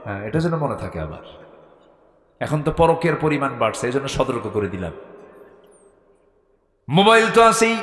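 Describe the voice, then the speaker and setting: Impassioned Bangladeshi preacher, echoey hall. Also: male voice, fairly high pitch. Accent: Bangladeshi Bengali. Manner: impassioned, swings from soft to shouting, rhetorical questions to crowd. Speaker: Islamic preacher. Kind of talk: Bengali waz sermon.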